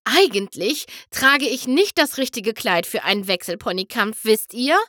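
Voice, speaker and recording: A woman's voice: on the high side, lively intonation, normal speed, sharp tone, dry recording, clean studio sound. A woman voicing Rarity, a refined pony. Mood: sighing, reassuring. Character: elegant, fussy female unicorn pony.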